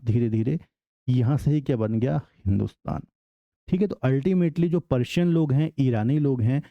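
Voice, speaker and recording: Male teacher, medium pitch, poses questions and answers them, dry dull-sounding recording. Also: warm tone, dry recording. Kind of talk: exam-prep geography lecture.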